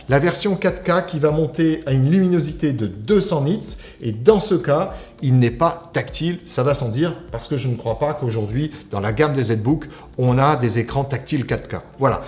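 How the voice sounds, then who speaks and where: A man's voice: a little high, a little mellow. A man from an IT company giving a casual, chatty unboxing review, explaining as he goes. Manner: chatty, explanatory, frequent "alors" and "on va dire". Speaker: IT company presenter.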